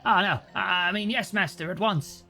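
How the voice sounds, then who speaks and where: A man's voice: high-pitched, normal speed, creaky, pushed and bright, faint music behind, pitched above the performer's own voice, heavily acted. A man voicing a scheming, servile Cockney minion in a video game, like a hunchback assistant, chummy and conspiratorial. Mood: cowed. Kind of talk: reading game dialogue in character.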